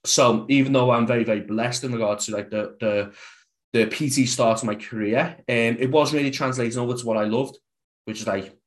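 A man's voice: medium pitch, steady tone, fairly quick. Young Scouse man, podcast guest, casual and rambling. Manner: rambling, heavy use of "like". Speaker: podcast guest, fitness coach.

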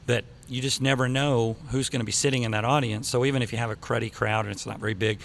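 A man's voice: mid-range voice, fairly even intonation, fast, a bit bright. A middle-aged man hosting a casual, chatty interview in an echoey room. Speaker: podcast host. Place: echoey hockey arena conference room. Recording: echoey room, clear background noise.

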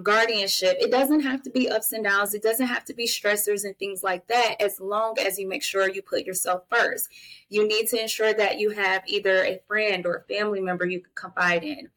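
A woman in her late thirties, a mental health advocate and guardian, appears as a podcast guest and gives listeners candid, emphatic personal advice in a conversational interview mixing testimony and guidance. Her medium-pitched voice is fairly bright, with fairly even intonation at a normal pace. The recording is rough.

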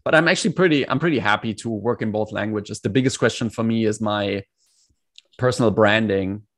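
Appearing as a guest coach in a relaxed video-call interview, a native German speaker talks fairly quickly in a fairly low voice. He comes across as thoughtful and unsure, often breaking off to start a sentence over.

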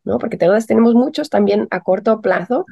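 A woman's voice: fairly high pitch, lively intonation, a little fast, gravelly, dark tone, slightly rough, dry recording, highs cut off. A woman hosts a podcast in a voice stuffed up by a head cold. The recording is close and dry, and she speaks in an upbeat presenting style. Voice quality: congested stuffy nose from a cold. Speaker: podcast host. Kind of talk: upbeat podcast introduction and interviewing.

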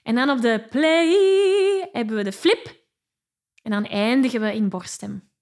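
A woman's voice: on the high side, measured pace. A woman singing teacher giving an encouraging vocal lesson, explaining technique and singing short examples. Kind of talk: vocal lesson with sung demonstrations.

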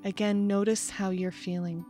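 A woman hosting a podcast, leading a guided meditation in a calm, slow and measured voice with soft pauses. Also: mid-range voice, faint music behind. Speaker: podcast host.

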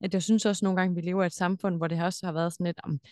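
A Danish woman hosting a podcast, with a low and mellow voice. She talks thoughtfully and a little hesitantly, sounding curious. The recording is close and dry. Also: fairly even intonation, no echo. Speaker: podcast host. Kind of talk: interview conversation.

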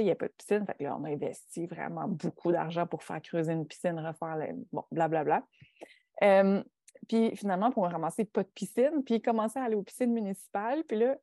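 A woman podcast host with a Quebec French accent and a soft-edged, mellow tone at medium pitch. She chats casually, mixing English words into colloquial speech. The recording is very dry. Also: no room sound.

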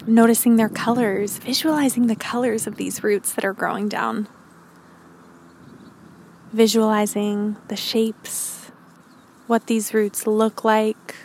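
A woman podcast host leading a calm grounding meditation, giving gentle, encouraging instructions. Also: fairly high pitch, slow, long pauses, slight background noise.

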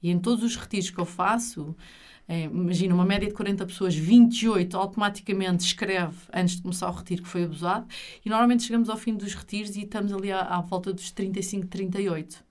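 A woman's voice: medium pitch, steady tone, fast talker, darkish tone. A middle-aged woman with a European Portuguese accent, speaking as an interview guest in an earnest, emphatic, explanatory way. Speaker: interview guest, retreat leader.

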